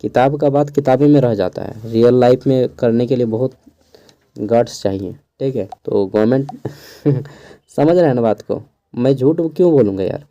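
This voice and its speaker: A young man teaching an exam-answer lesson in a casual, chatty way, keeping his voice low in a small room at home and adding asides. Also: normal speed, dark tone, muffled recording. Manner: chatty, digresses with asides and chuckles; keeps his voice down so neighbours won't hear. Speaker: teacher going over an exam paper.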